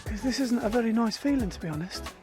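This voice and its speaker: Weary British male running vlogger, higher-pitched, candid and chatty, music in the background. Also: expressive, quick pace. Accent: British English. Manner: chatty, candid, self-deprecating. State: tired and dizzy mid-run. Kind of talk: casual vlog narration.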